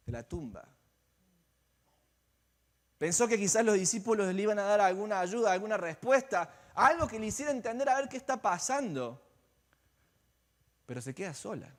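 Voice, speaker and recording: High-voiced pastor preaching in a reverberant church. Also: male voice. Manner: dramatic storytelling, swinging between loud and hushed. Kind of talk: Easter sermon. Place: church sanctuary. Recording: long church-hall reverb.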